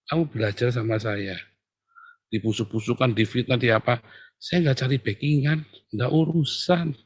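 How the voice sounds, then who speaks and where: A man preaching a sermon in a colloquial, teasing way, swinging from loud outbursts to near-whispers. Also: medium pitch, moderate pace, husky. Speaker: pastor.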